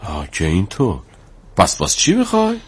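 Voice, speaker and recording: An actor playing a younger bazaar shopkeeper in a drama, bargaining but good-hearted, colloquial and courteous. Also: male voice, low-pitched, wildly swooping pitch, breathy edge, exaggerated voice. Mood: haggling. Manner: colloquial, street-wise, courteous.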